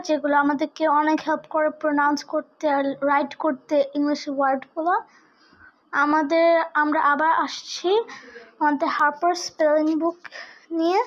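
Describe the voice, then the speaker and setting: A woman's voice: high-pitched, dull audio. A woman teaching English syllables, spelling words out letter by letter. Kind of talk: home-made language lesson.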